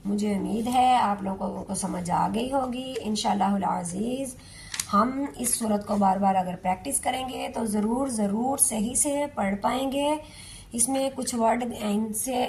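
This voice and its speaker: A woman teaching Quran recitation to beginners, patiently repeating and stretching each syllable in a slow step-by-step lesson. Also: fairly high pitch, creaky, darkish tone, a little hiss or hum.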